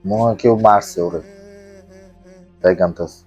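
A man's voice: lowish voice, normal speed, darkish tone, faint music behind. A man hosting a reaction video, chatting casually, exclaiming and echoing lines from the clips. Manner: exclaims and echoes lines from the clip.

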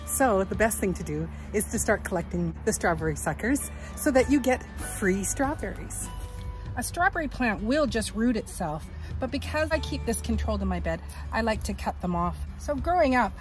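A woman's voice: mid-range voice, animated, moderate pace, over music, rough recording. Chatty woman gardening vlogger. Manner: chatty, explains while working. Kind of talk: casual how-to vlog. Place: outdoor garden.

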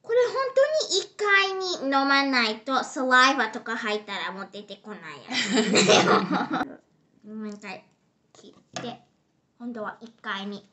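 A woman's voice: on the high side, measured pace, pushed and bright. A young girl casually reviewing candy at a home table, chatty and giggly, now and then slipping into English phrases. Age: child.

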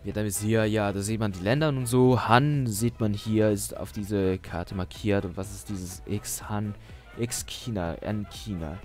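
A man's voice: on the low side, unhurried. A young man rambling through casual screen-share commentary, hesitant, with frequent restarts and laughs at his own jokes. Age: young adult. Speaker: YouTuber. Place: small bedroom at a desk. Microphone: headset. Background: faint background music.

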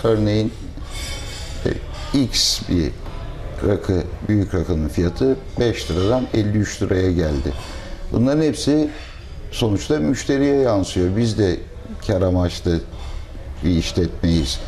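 A middle-aged man, a restaurant owner, answering interview questions in a measured, thoughtful way with pauses and fillers, recorded on a lapel mic in a restaurant dining room. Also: fairly low pitch, expressive, darkish tone, slight background noise.

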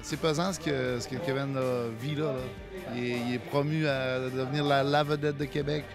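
A man's voice: medium pitch, little pitch movement, normal speed, music in the background. A man with a Quebec French accent, a boxing trainer speaking emphatically and repeating himself in an interview. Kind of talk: casual interview.

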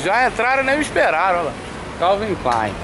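Talking fast with big swings in pitch, this Brazilian vlogger shows off outlet stores in a chatty, upbeat handheld clip, calling attention to items along the way. His voice is high, and the recording quality is low.

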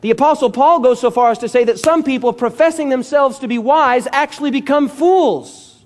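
A man's voice: extremely high pitch, normal speed, a little hiss or hum. A male pastor preaching a sermon with emphatic storytelling and calls for amen.

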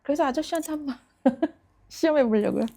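A woman's voice: high-pitched, fairly quick, warm tone. An actress playing a playful, unhinged female psychopath in a dramatic monologue, mock-polite and giggly as she menaces and taunts her captive. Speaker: actor performing a monologue.

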